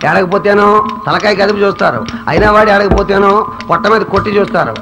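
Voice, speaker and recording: A man's voice: high voice, steady tone, a little fast, creaky, over music, rough recording. A man telling a satirical harikatha in a Coastal Andhra Telugu accent, theatrical and humorous, slipping into song. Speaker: harikatha performer. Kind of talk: satirical harikatha storytelling with sung verses.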